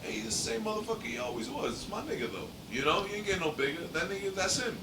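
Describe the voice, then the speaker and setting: A man's voice: sits high, sing-song, fast, gravelly. A man co-hosting a casual podcast who talks in a laid-back, profane way, like a gleeful prankster. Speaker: podcast co-host. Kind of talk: casual chat. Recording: echoey distant mic with background noise.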